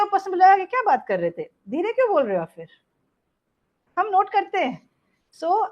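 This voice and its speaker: A woman leading a parenting workshop, mixing Hindi and English and often asking "right?". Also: high-pitched. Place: workshop room with an audience. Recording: dull lo-fi recording.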